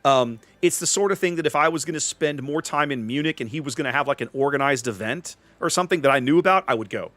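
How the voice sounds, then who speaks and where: A man's voice: on the high side, quick pace, few pauses, a bit bright, no room sound. A man hosting a live stream, chatting casually to viewers and telling a rambling travel story with many restarts. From United States. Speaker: streamer host.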